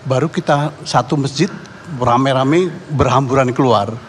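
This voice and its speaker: Indonesian guy telling what he saw, stops and restarts a lot, long hall echo, faint background hum. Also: mid-range voice. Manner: halting, repeats and restarts words. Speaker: neighborhood head and eyewitness guest. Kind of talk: eyewitness account on a talk show.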